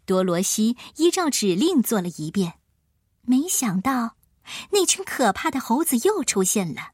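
A woman storyteller giving expressive scripted narration of a children's tale. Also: on the high side, a little slow, slightly rough, dry recording, clean studio sound.

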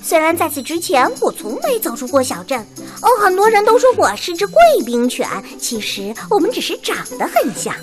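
A woman's voice: very high-pitched, big pitch swings, a little fast, over music. A woman voicing Harry, a cheerful, talkative young male water dog in a radio drama. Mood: earnest. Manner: chatty, fond of snacks, dreamy.

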